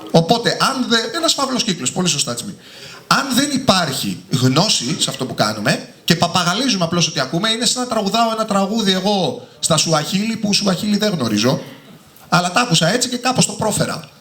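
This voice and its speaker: A man with a slightly high, lively voice speaks with passion and emphasis to an audience, hammering home each point. The room around him is echoey, like a hall with a live crowd. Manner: passionate, emphatic, often ending points with a tag word. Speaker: author and singer presenting his book. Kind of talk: public talk at a book presentation.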